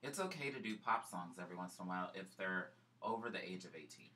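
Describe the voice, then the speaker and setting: A man's voice: sits low, expressive, fast talker, pushed and bright. A man co-hosting a casual chat, dropping teasing quips.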